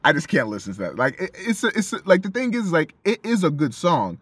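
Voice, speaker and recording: A man co-hosting a casual music review chat, animated and profane, acting out his own reactions. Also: a little high, fairly quick, breathy edge, dry recording. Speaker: co-host of a music review show.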